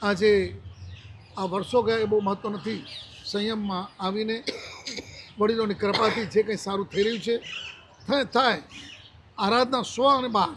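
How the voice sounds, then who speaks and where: A man's voice: high-pitched, a little slow, pauses often, background noise. A man in his seventies, a monk giving a religious discourse, telling a personal story and acting out the dialogue he quotes. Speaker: Jain monk.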